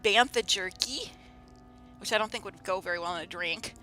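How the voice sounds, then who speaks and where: A woman's voice: mid-range voice, moderate pace, bright, forceful tone, faint music behind. A woman chatting casually and playfully with viewers as she streams a video game, giggly in manner. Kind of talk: casual livestream game commentary and chat.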